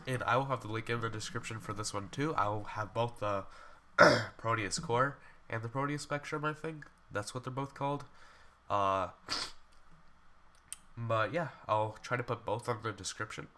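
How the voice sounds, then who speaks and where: A young man with a cold sounds congested as he casually reviews computer mice, rambling with fillers and restarts. His voice is on the low side with a sharp tone, captured in poor quality with faint background noise.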